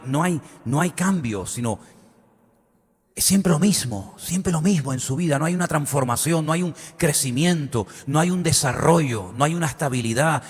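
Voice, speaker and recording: Fired-up male pastor preaching, kinda high voice, big echoey church hall. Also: husky. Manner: impassioned, rhetorical questions, swings loud and soft. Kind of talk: sermon.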